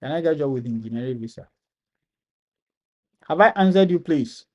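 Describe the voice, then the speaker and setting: Reading viewers' comments out loud and then answering them, this Ghanaian-accented man hosts a channel's live-stream Q&A at a moderate pace. He is expressive, frequently repeats himself for emphasis, and has a slightly high, darkish voice; the recording's highs are cut off.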